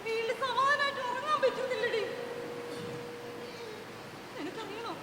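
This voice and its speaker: A woman's voice: very high voice, moderate pace, very noisy. A woman acting a troubled working mother in an amateur stage drama, pleading and breaking into sobs. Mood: distraught. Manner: pleading, breaks into shouted sobbing. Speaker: stage actor. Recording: echoey hall, far from mic, loud crowd.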